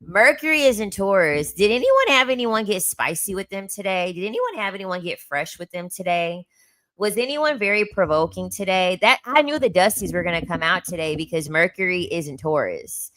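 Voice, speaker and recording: A woman's voice: medium pitch, lively intonation, normal speed, a bit bright. A woman chatting casually as host, telling stories from her day in a gossipy, laughing way. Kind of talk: casual livestream chat.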